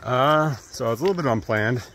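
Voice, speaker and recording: A man's voice: medium pitch, expressive, moderate pace, a bit bright, slight background noise. A man in his thirties vlogging casually while hiking a wooded trail, rambling and trailing off with fillers, recorded on an earbud mic with the phone at arm's length. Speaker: thru-hiker vlogger.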